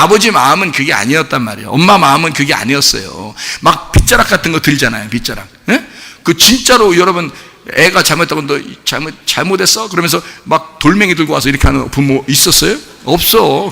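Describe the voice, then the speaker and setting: A male pastor preaching a sermon, animated, with rhetorical questions, swinging between shouting and low asides. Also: quick pace, gravelly. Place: church sanctuary. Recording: long church-hall reverb.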